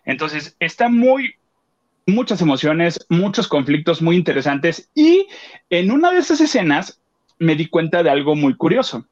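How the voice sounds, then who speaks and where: Very animated, this Mexican-accented radio co-host retells a theater outing in casual chat, acting out everyone's voices. His pitch is fairly high but his tone darkish, his speed normal, and the recording's highs are cut off.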